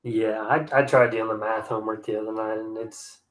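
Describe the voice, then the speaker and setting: The recording is rough, carrying a lowish male voice with little pitch movement, a bit fast. Stuffy-nosed, this excavation contractor hangs out on a home livestream, reading comments in a relaxed, meandering style full of restarts.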